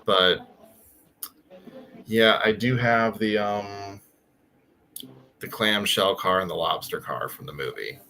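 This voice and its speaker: A man's voice: on the low side, takes it slowly, creaky, long pauses, pushed and bright. A man co-hosting a casual fan podcast, chatty and full of filler words. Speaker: podcast co-host.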